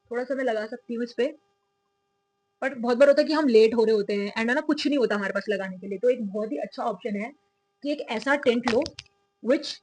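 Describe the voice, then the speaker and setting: Young indian woman, kinda high voice, chatty makeup vlog, hops between hindi and english. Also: a little mellow, poor audio. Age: young adult. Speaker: makeup vlogger. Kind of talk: casual makeup tutorial.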